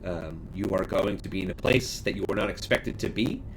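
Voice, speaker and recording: A man's voice: deep voice, a little fast, gravelly, slight background noise, voice pushed down, poor audio. A man voicing an odd floating female restaurant hostess in a tabletop game, chatty and offhand.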